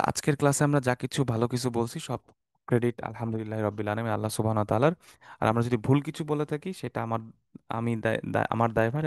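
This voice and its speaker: A man's voice: mid-range voice, dry recording. Man teaching in a dry room. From Bangladesh. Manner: relaxed explaining with fillers and asides. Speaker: Quran Arabic teacher. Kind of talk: online class lecture.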